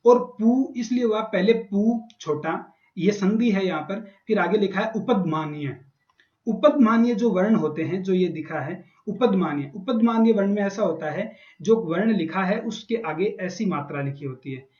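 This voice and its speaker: A man's voice: high voice, moderate pace, a little mellow. A man teaching Sanskrit grammar in a lecture, patiently repeating and spelling out sounds. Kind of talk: classroom lecture explaining grammar. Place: college classroom. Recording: echoey dull classroom recording.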